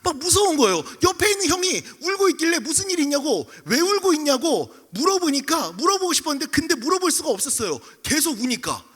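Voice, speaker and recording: A young male pastor preaching in an animated storytelling style, acting out scenes and voices. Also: very high voice, fast, hardly any pauses. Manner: lively, acts out scenes, shouts and mimics voices. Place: church sanctuary. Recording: livestream with long hall reverb.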